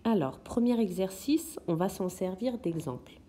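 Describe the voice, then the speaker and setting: A woman's voice: medium pitch, animated, normal speed, dark tone, slight background noise. A woman teaching young children in a recorded lesson, patiently sounding out words syllable by syllable. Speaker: kindergarten teacher.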